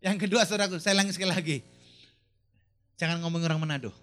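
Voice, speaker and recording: A middle-aged male pastor with a high, lively, bright voice gives an animated sermon. He teases the congregation, fires questions at them and slips in regional phrases and English words. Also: fast. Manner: animated, teasing, mixes in Manado dialect phrases and English words.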